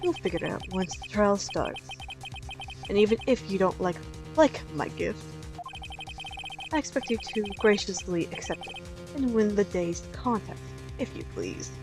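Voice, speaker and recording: A woman playing a measured, falsely polite and menacing male kidnapper in a video game. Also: mid-range voice, expressive, over music. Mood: calm menace. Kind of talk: amateur video game voice-over.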